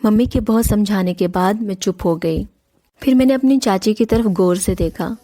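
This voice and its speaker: A woman's voice: mid-range voice, normal speed, warm tone. A woman narrating a first-person horror story in an earnest, emotional way, speaking directly to her listeners. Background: faint music.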